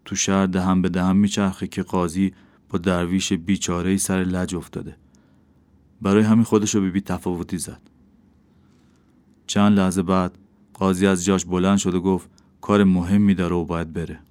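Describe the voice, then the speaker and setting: A man narrating an audiobook in a steady, earnest storytelling manner. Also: low voice, pauses often. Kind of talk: scripted narration.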